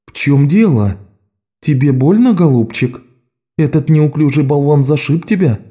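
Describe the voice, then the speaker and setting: Man doing a booming bossy old lady shopkeeper, loud and raised pitch. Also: animated, a little slow. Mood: alarmed.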